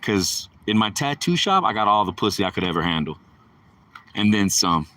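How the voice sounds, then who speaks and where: A man's voice: lowish voice, sing-song, moderate pace, sharp tone, far from the mic. A man livestreaming, telling stories in a casual, rambling way with lots of profanity and street slang. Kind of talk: casual storytelling.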